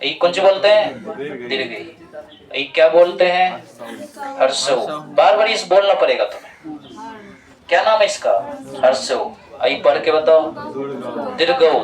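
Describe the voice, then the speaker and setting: A man teaching a grammar lesson to a classroom of students, repeating points and quizzing them as he goes. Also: high-pitched. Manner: slow, repetitive explaining, quizzing students. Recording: echoey classroom from far off.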